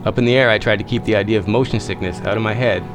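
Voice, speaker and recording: A man's voice: fairly low pitch, fairly even intonation, very fast. A man giving scripted narration as the host of a video. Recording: voice-over with music bed.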